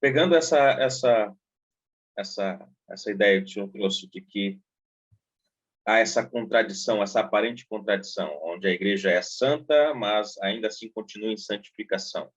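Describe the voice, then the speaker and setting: Um apresentador brasileiro comenta teologia numa conversa, hesitando e repetindo palavras enquanto organiza o raciocínio. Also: male voice, on the low side, normal speed. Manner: hesitant, repeats words while building a point. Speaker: podcast host. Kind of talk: casual theological conversation. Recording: dull, muffled sound.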